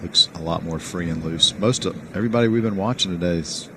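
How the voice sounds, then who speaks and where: Low-voiced male golf analyst, noisy background. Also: quick pace. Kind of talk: conversational live golf commentary. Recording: steady outdoor background noise.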